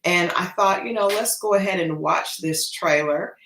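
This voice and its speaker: A woman gives casual, reflective gossip commentary. Her voice sits a little low for a woman. The room around her is clearly echoey. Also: normal speed, fairly bright tone, a little hiss or hum. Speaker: host of a gossip show. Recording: echoey, reverberant room sound.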